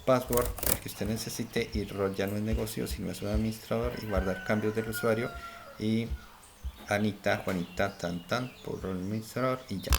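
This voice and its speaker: Man, coding tutorial, lowish voice, thinks aloud, keyboard clicks, noisy recording. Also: steady tone, normal speed, vocal fry. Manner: thinks aloud while typing, frequent "¿cierto?" check-ins. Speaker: programming instructor. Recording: home recording with audible noise. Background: keyboard typing and clicks.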